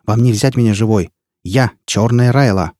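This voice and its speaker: A man's voice: on the low side, normal speed, darkish tone, no echo, clean studio sound, natural voice. A man voicing a hardened woman mercenary captain, commanding and curt in a storybook reading. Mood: grim resolve.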